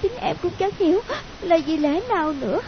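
A man's voice: extremely high pitch, fairly quick, pitched above the performer's own voice. A man voicing a tearful, lovesick young woman, pleading through sobs. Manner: sobbing, pleading. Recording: dull lo-fi audio with hiss.

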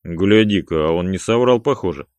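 Hulking crude male henchman, coarse and grumbling, played by a man in a deep, dry voice. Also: expressive, normal speed, darkish tone, dry recording. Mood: gruff. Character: big, crude, greedy male thug henchman.

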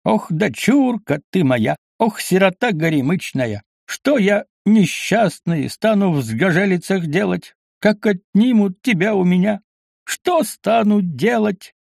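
A man's voice: on the high side, big pitch swings, normal speed, a little mellow, no room sound, studio quality, voice pushed up. A man doing a boisterous tipsy old nobleman. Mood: maudlin. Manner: boisterous, teasing, sentimental when drunk. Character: tipsy jovial older nobleman, boisterous father.

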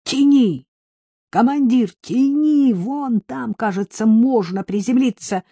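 A man voicing a rough, excitable young male helicopter co-pilot with a hoarse voice, in an audiobook. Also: medium pitch, unhurried, no echo, pitched below the performer's own voice, full character voice. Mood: urgent shouting.

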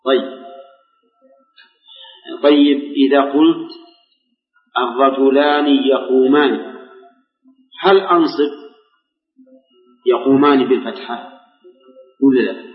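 An older man teaching grammar to a class, quizzing students and slowly repeating examples. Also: mid-range voice, soft background music. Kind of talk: classroom lesson with questions to students. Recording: echoey hall, dull lo-fi recording.

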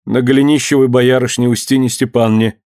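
A man's voice: steady tone, brisk, a little mellow, natural voice. A desperate young son begging, as a male narrator voices him. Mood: timid. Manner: high, strained pleading.

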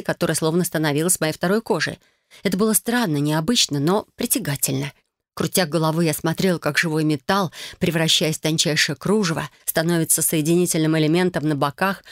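An audiobook narrator reading a fantasy novel in the first person, with even storytelling. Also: mid-range voice, no echo, studio quality.

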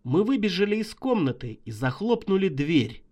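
A man narrates a horror story with a mid-high voice. His pitch rises and falls animatedly, and he tells it in a dramatic, vivid way. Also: big pitch swings, normal speed, darkish tone. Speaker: audiobook narrator.

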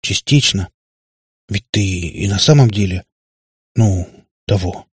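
A man reading an audiobook, voicing a middle-aged hermit warlock father who pleads and mumbles excuses in a low, husky voice. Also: slow pace, no room sound, clean studio sound, heavily acted. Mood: mumbling.

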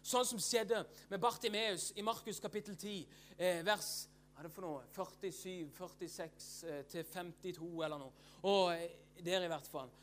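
Fervent high-voiced male preacher. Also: hardly any pauses. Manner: fervent, emphatic, repeats phrases, frequent hallelujahs; casual spoken fillers, asks and answers own questions. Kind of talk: sermon.

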